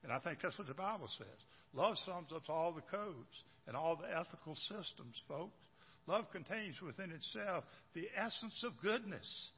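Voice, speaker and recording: A pastor delivers a folksy sermon to his church, repeating phrases and frequently asking the congregation questions. His high voice has lively intonation and a breathy edge, at a moderate pace. The sound is dull and echoey, from a church hall.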